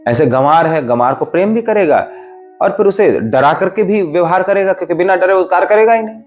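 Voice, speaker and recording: A spiritual teacher with a high-pitched, slightly mellow voice gives a devotional discourse, a little fast, with faint music behind. He is emphatic and explanatory, his voice rising and falling sharply for stress.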